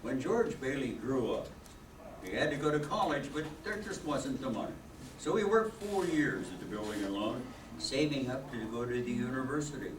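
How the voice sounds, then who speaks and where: An older man plays a kindly, animated senior angel in an old-time radio play, narrating with a storytelling mood and an air of authority. His medium-pitched voice runs at normal speed and sounds close to everyday speech. The stage recording is echoey, distant, and noisy.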